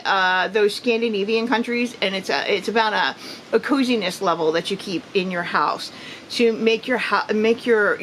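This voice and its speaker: A woman's voice: medium pitch, fairly bright tone, slight background noise. A woman in her fifties chatting casually about her reading in a rambling way, with many ums and restarts. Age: 50s. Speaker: book vlogger. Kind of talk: casual reading wrap-up chat.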